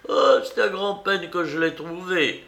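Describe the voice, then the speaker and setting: A man's voice: high voice, expressive, unhurried, creaky, pushed and bright, voice pushed up, full character voice. A man voicing an elderly aunt in an audiobook, fussy and shrewd, with a quavering sing-song manner. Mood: fretful.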